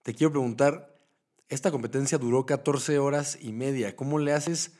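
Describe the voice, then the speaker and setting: A man with a voice of ordinary pitch hosts a conversational podcast. He asks curious follow-up questions. He sums up what his guest has just said. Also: moderate pace, darkish tone. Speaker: podcast host. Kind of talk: casual interview questions.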